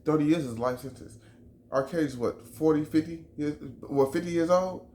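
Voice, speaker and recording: A man with a fairly high, mellow voice talks at a normal speed, a touch of hiss or hum in the audio. He's a Chicago vlogger giving a heated opinion rant to camera, emphatic and profane, repeating himself. The room echoes, with faint ambience behind him.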